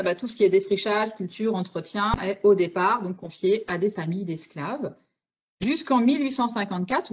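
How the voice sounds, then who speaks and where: Woman lecturing, explaining stuff with lots of uh and little restarts, normal middle voice. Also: medium pitch. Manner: explanatory, many fillers and self-corrections. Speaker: exhibition guide giving an online talk. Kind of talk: spontaneous illustrated lecture.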